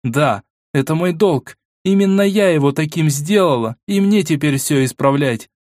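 A man's voice: a little high, expressive, moderate pace, darkish tone, no echo, studio quality, pitched above the performer's own voice, lightly acted. A man voicing a cold, iron-willed middle-aged queen who speaks sternly and with command. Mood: icy resolve.

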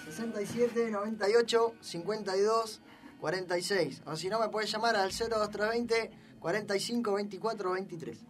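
A man's voice: sits high, fairly even intonation, moderate pace. A man in his twenties with a Rioplatense accent, a band member on a radio show, giving out the band's contact details. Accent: Rioplatense Spanish. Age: 20s. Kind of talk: casual radio chat.

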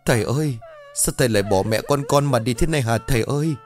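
A man's voice: mid-range voice, brisk, a little mellow, soft background music, pitched above the performer's own voice, close to an everyday voice. A man voicing a tearful young village daughter. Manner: pleading, tearful.

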